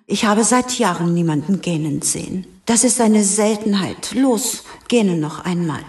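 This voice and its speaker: A woman's voice: mid-range voice, expressive, measured pace, a little mellow. A woman voicing a pompous, commanding old male king in a storybook, with frequent hesitant ums between his orders. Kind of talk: storybook reading.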